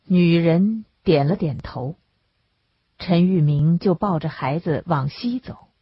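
A woman narrating a story in a measured, storytelling manner with a husky voice. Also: no room sound. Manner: measured storytelling, lively pitch. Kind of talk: audiobook narration. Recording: dull lo-fi dry recording.

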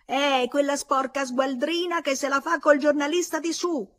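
A woman reading an audiobook aloud, voicing a furious working-class neighbor woman who shouts in a shrill, exasperated way, with an Italian accent. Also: fairly even intonation, normal speed, lightly acted.

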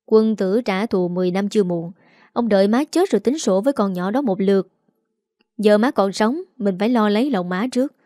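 A woman voicing a shrill, scheming young wife who nags her husband, in a Southern Vietnamese accent. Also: a little fast, dark tone, no room sound, studio quality, close to an everyday voice. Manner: shrill, nagging.

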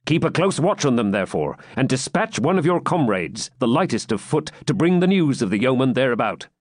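An actor reading the part of a brisk male outlaw leader giving firm orders in an audiobook. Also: medium pitch, big pitch swings, dry recording, clean studio sound, pitched above the performer's own voice. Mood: commanding.

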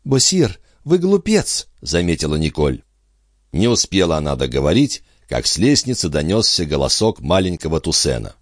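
A man narrating an audiobook in an expressive storytelling manner. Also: rumbling low, fairly quick, no echo, clean studio sound. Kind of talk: scripted narration.

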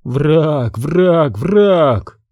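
A man voicing a crazed, vicious teenage boy who shrieks and yells in a frenzy. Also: a little high, lively intonation, very slow, no echo, clean studio sound, exaggerated voice. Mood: raving. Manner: shrieking, frantic yelling.

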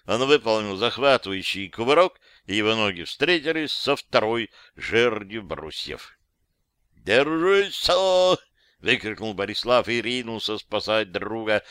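Male audiobook narrator, playful and expressive, bright tone, dry close mic. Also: on the low side, clean tone, dry recording. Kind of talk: scripted narration.

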